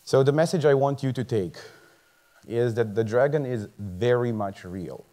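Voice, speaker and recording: A man's voice: medium pitch, moderate pace, warm tone. A man, a medical student giving a motivational talk on a large theater stage. He speaks earnestly, chuckles often and restarts words. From Croatia. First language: Croatian. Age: 30s.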